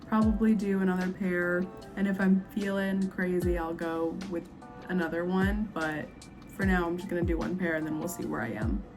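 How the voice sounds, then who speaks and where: A woman's voice: on the low side, flat delivery, normal speed, over music. Chatty young woman vlogging about crochet. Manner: chatty, self-doubting, lots of ums. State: slightly losing her voice. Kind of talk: casual vlog chat.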